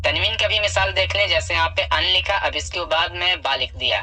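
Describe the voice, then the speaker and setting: Man, recitation teacher, husky, bright tone, patient, repeats sounds slowly, step-by-step lesson. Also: sits high, soft background music, low-quality recording. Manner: patient, repeats key sounds slowly and asks rhetorical questions. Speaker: Quran reading teacher.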